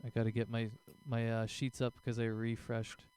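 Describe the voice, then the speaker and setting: A man's voice: medium pitch, completely flat delivery, normal speed, darkish tone, a little hiss or hum. A man acting as game master, casually narrating a tabletop role-playing game.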